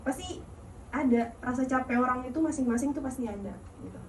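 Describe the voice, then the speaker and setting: A woman's voice: sits high, fairly quick, slight background noise. A nervous young woman, earnestly sharing a personal testimony at a youth service in a large church hall. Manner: earnest, gentle, encouraging. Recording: echoey hall, voice far from mic.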